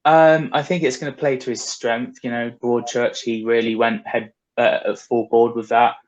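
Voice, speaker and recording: A man speaking as a podcast guest, in a measured, hesitant way with ums and restarts. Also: mid-range voice, little pitch movement, dull audio. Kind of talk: casual chat.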